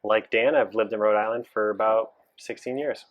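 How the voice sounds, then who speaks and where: Man, low voice, from massachusetts, band founder, casual interview, rambling with fillers. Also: normal speed, highs cut off. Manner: relaxed, filler-heavy, rambling. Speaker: band founder, guitarist and singer.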